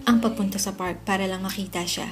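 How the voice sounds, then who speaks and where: A young woman narrating her own story in first person as the dubber of a comic, expressive and lively in delivery. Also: medium pitch, fast talker. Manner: expressive, swings into loud excited shouts. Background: faint background music.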